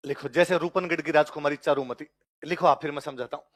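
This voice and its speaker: Lively Hindi history teacher, dry close sound. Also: male voice, a little high, fast, no echo. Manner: repeats key lines in Hindi then English for dictation; lively storytelling, quizzing students. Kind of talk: exam-prep lecture with storytelling.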